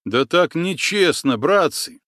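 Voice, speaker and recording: A man voicing an indignant, hotheaded young Cossack in an audiobook, loud and protesting. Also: on the high side, expressive, slow pace, dry recording, studio quality, voice pushed up. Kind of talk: audiobook character voice.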